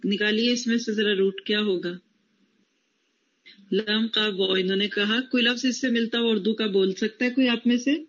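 A woman's voice: medium pitch, fairly even intonation. Casting note: female Quran teacher, explains, quizzes students on word roots, praises answers, dull lo-fi classroom recording.

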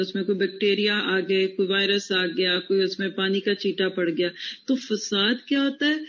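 A woman's voice: medium pitch, fairly bright tone, lo-fi sound. A woman teaching the words of a Quranic passage to a class, asking students for root letters and praising their answers. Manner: quizzes students on word roots and praises answers. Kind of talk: classroom word-by-word lesson.

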